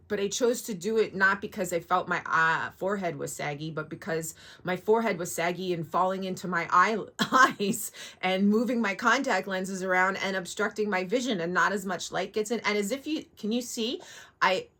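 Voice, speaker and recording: A woman's voice: on the low side, fairly bright tone. A woman of forty-nine talking casually to her vlog, candid, sweary and rambling with asides, sounding sore and a little shaken after surgery.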